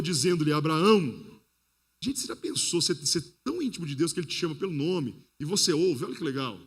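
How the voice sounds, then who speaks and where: Brazilian man preaching with lively storytelling. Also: fairly high pitch. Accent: Brazilian Portuguese. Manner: lively preaching that addresses the congregation directly; storytelling that acts out the people it quotes. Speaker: pastor. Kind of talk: sermon.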